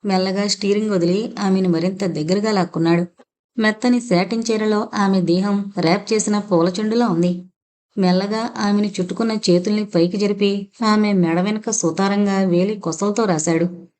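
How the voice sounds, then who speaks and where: A woman narrating an audio novel in a steady, expressive storytelling voice. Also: medium pitch, normal speed. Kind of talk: scripted narration.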